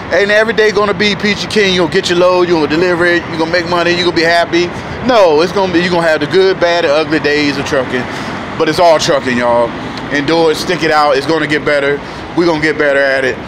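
A man from North Carolina, a truck driver casually vlogging to viewers in an animated, folksy way. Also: a little high, quick pace, background noise. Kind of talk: casual vlog talk to viewers. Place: truck stop, indoors and outdoors in the lot.

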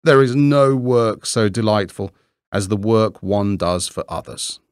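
A man's voice: fairly low pitch, measured pace, clean tone, no echo, clean studio sound, lightly acted. A man voicing a self-righteous male miller who lectures in a raised, pompous tone. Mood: smug. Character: smug, preachy grown male miller.

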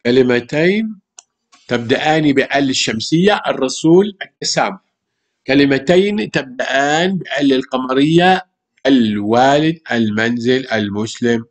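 A man's voice: mid-range voice, expressive, normal speed. A man with an Egyptian Arabic accent teaching a primary school language lesson, patiently repeating words and asking rhetorical questions. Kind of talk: classroom lesson explaining grammar.

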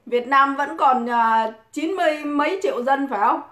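A woman's voice: high-pitched, moderate pace, fairly bright tone. A woman, crudely taunting and cursing in a mocking livestream rant. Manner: mocking, provoking, swears constantly. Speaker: livestream host. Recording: echoey room.

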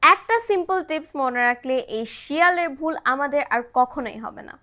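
A woman teaching English pronunciation to viewers, repeating each word slowly and mixing English phrases into her talk. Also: high voice, sharp tone. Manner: slow, drawn-out repetition of each word. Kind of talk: scripted pronunciation lesson.

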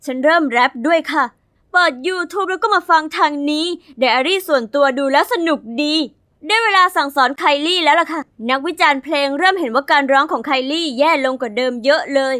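A young woman narrating her own animated story as its heroine, chatty, dramatic and confiding. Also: high voice, brisk, no echo, studio quality.

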